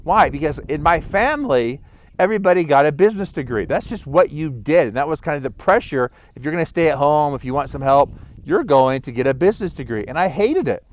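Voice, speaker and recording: A man's voice: fairly high pitch, no room sound. Upbeat middle-aged man telling stories outdoors. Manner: upbeat, chatty, chuckles often. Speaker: vlogger and life coach. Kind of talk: casual storytelling and advice. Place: outdoors by a small pond.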